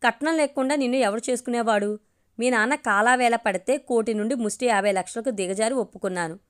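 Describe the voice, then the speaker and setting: A woman's voice: a little high, fairly quick, close to an everyday voice. A woman voicing a proud, sneering middle-aged husband in a storybook reading, talking in a mocking, scornful way.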